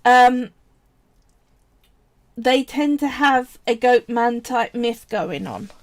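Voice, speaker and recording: A polymer clay tutorial streamer hosts a casual live craft session, speaking in a high, expressive voice with a slow, unhurried delivery. The sound is dry and close with no room noise, and she chats and explains, often pausing to say "right" and "so."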